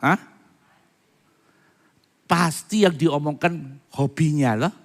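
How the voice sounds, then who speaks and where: Preacher, male, high voice, fervent sermon in a reverberant church hall. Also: slow pace. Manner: swings from soft asides to loud, fervent preaching; asks the congregation questions. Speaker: pastor.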